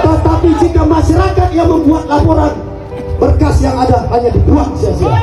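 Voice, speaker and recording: A man from Kalimantan, Indonesia, giving fiery revolutionary oratory as a protest leader, impassioned and forceful, throwing rhetorical questions at the crowd. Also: very high voice, recorded from a distance. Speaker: protest leader, activist speaker. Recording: echoey loudspeaker from afar, loud music, crowd. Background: loud music and crowd noise.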